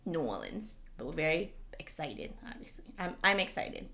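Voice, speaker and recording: Chatty podcast lady, lots of "like", gravelly edge, roomy sound. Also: low-pitched, normal speed. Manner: chatty, animated, frequent "like" fillers. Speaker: podcast co-host. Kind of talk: casual chat.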